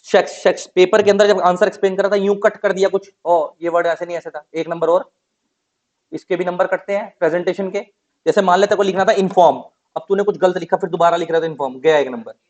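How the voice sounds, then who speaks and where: A man's voice: high-pitched, fairly even intonation, quick pace, a little mellow. A man teaching law in a classroom lecture, mixing with English terms and asking questions that he answers himself. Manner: chatty, asks students questions and answers them himself; mixes Hindi with English terms.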